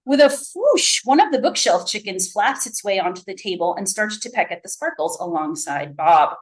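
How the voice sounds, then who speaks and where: A woman author reading her own fiction to listeners. She tells the story in a lively, expressive way, taking on the voice of a young first-person narrator. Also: mid-range voice, normal speed. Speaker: author and faculty reader.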